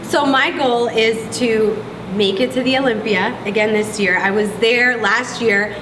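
A woman in her thirties, a bodybuilding competitor, talking excitedly and laughing often in a casual interview in a gym. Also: a little high, measured pace, noisy background. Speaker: pro bikini competitor, interview guest. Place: large indoor gym, in front of a logo wall. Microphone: far camera mic. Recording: echoey room, picked up from a distance, with clear ambience.

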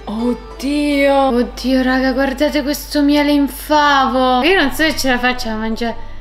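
A young woman with a high voice filming a comedic reaction vlog in an echoey room at home. She is theatrical and dramatic, breaks into laughter and shrieks, and has soft music playing behind her. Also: steady tone, moderate pace. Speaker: streamer. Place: indoors at home, with her cat.

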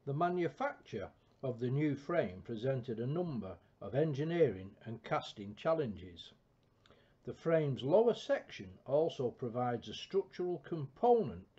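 A man giving a scripted, measured technical narration of an engineering build, with a dull lo-fi recording. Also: mid-range voice, very animated, a little mellow. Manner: measured, precise technical delivery. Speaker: project narrator.

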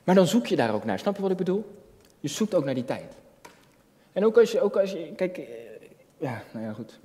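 A man's voice: high-pitched, sing-song, brisk, dark tone. A man preaching a sermon as a youth pastor, talking in a loose, conversational way with many restarts and then building to emphatic peaks. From Netherlands. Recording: long hall reverb.

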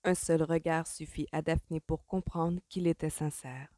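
A woman narrating an audiobook in a measured, expressive reading voice. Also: low voice, dry recording. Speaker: audiobook reader. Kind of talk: scripted narration.

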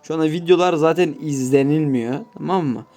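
A man's voice: a little high, fairly quick, mellow, faint music behind. Foul-mouthed man commenting on gameplay. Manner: swears constantly, talks straight to viewers; grumbling, mock-offended asides. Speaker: gameplay YouTuber.

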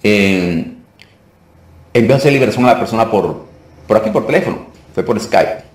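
A man's voice: fairly low pitch, animated, moderate pace. Emphatic man teaching in an echoey room. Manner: emphatic, keeps asking "¿ok?" to check on listeners; repeats himself for emphasis. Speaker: deliverance minister teaching a course. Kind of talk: informal teaching talk.

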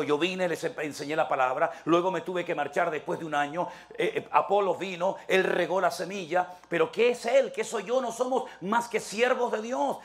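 A man's voice: sits high, pitched above the performer's own voice. A man voicing an indignant apostle rebuking his flock in raised, exasperated pleas.

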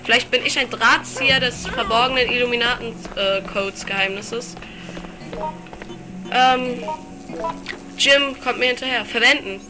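A woman's voice: on the high side, measured pace, long pauses, over music. A woman giving casual, chatty gameplay commentary, reading game text aloud, giggling and swearing playfully. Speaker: let's play commentator.

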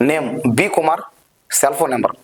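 A man's voice: a little high, fast talker. A man with a Telugu accent doing a comedy skit, pleading over and over. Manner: pleading, repeats "sir" over and over. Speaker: comedy performer.

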